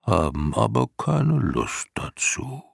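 A man voicing an ancient, weary giant female turtle who speaks slowly and apathetically in a wheezing, whispery voice. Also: fairly low pitch, big pitch swings, vocal fry, slightly rough, no echo, studio quality, pitched above the performer's own voice, heavily acted. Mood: indifferent. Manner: drawn-out, apathetic, snuffling.

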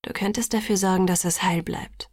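A woman voicing a calm, tender young man in an audiobook, speaking in a hushed, gentle half-whisper. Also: lowish voice, a little fast, no echo, studio quality, natural voice. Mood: reassuring. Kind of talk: audiobook character voice.

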